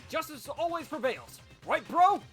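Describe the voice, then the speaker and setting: Lively, encouraging male streamer. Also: very high voice, unhurried, over music. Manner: upbeat, encouraging, animated. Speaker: streamer and host. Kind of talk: live stream game voice read-through.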